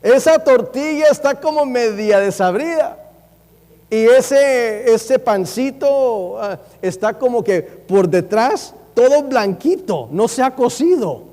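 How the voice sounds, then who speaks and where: A man, a pastor, preaching a sermon in a church in an animated, humorous way, with mocking impressions. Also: extremely high pitch, slow pace. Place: church sanctuary. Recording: long reverb from a church hall.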